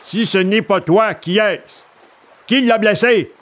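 A man's voice: high-pitched, slow pace, fairly bright tone, voice pushed up. A man voicing a stern adult gendarme who interrogates and gives curt military orders, in a storybook reading.

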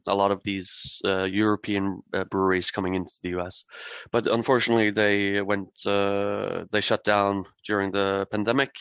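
A man from Norway, a brewery guest in a podcast interview, speaking haltingly with many fillers and restarts. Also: fairly low pitch, a bit bright, clear, resonant tone, no echo, highs cut off.

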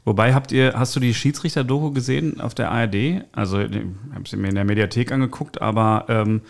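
A man's voice: medium pitch, fast talker, vocal fry. A man co-hosting a football podcast, talking casually with hesitant restarts. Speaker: podcast co-host.

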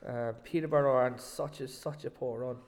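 A man with a mid-pitched voice gives his opinions as co-host of a casual football podcast. The room around him is echoey and his delivery is conversational. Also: fairly even intonation, brisk, a little mellow.

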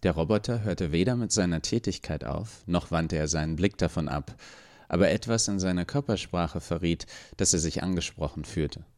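A man reads a story aloud in a calm, measured way, his voice sitting very low. The narration is scripted and steady. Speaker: podcast narrator.

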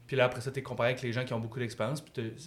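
A man's voice: mid-range voice, flat delivery, very fast, slight background noise. A young man with a Quebec French accent chatting casually as a comedian guest, in loose colloquial slang. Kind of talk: casual podcast chat.

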